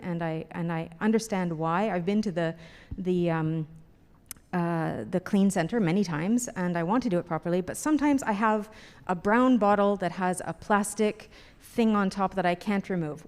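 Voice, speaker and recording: A woman's voice: lowish voice, darkish tone, clear, resonant tone. Chatty middle-aged woman, reverberant hall. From Canada. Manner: chatty, laughing, many fillers. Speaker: panelist. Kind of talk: symposium panel talk.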